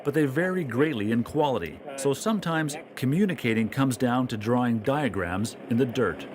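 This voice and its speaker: A man reading scripted documentary narration in a calm, measured way. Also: mid-range voice, noisy background.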